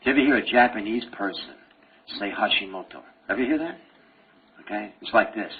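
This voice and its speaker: A man's voice: lowish voice, fairly quick, slight background noise. A man giving a medical lecture to a class, joking and firing questions at the students. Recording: tinny phone-like lecture recording.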